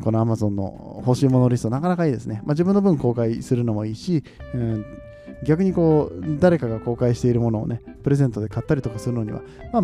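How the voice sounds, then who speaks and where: A man from Nagoya, Japan, hosting his podcast in a relaxed, chatty way, often chuckling and asking listeners questions. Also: medium pitch. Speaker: podcast host. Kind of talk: casual solo chat.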